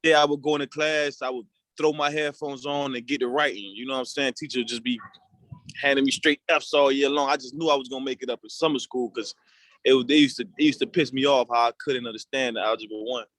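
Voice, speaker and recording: Young laid-back rapper from Puerto Rico. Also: male voice, mid-range voice, steady tone, fast, fairly bright tone, no echo. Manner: laid-back storytelling with street slang. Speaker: guest rap artist. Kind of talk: casual interview talk.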